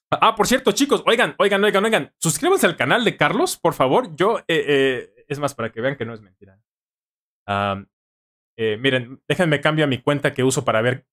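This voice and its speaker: A man in his thirties with a Mexican accent runs a casual live stream as a language-learning tutor, answering viewers informally and repeating phrases for emphasis. He's close to a boom-arm studio microphone in a small home studio. His voice is medium-pitched and a bit bright.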